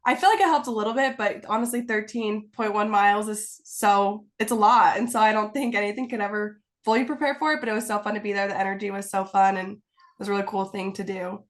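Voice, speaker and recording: Slightly stuffy from a cold, a woman content creator appears as a guest in a casual video-call interview from indoors at home. Her medium-pitched, steady voice moves a little fast as she rambles in a bubbly, giggly way full of "like"s.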